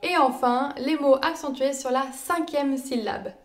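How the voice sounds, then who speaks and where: A young woman whose first language is French walks through a language lesson, her voice sitting high. She explains each point clearly and carefully from a script, pausing to say example words aloud. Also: steady tone. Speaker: language learner teaching Italian.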